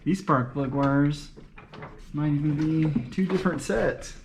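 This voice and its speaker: Working on a car in a single uncut take, a home mechanic video host chats casually to himself, thinking out loud over background noise. His voice is a little high and his pace measured.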